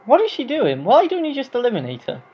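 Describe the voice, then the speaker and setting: A man giving casual, excitable commentary over a video game, exclaiming loudly at the action. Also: extremely high pitch, fast talker, husky, highs cut off. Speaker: gameplay commentator. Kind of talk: casual let's-play commentary.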